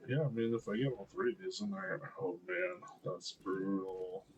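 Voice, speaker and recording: A man with a deep, low voice giving casual gameplay commentary, talking quietly and mumbling as he thinks aloud. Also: animated, moderate pace, highs cut off, a little hiss or hum.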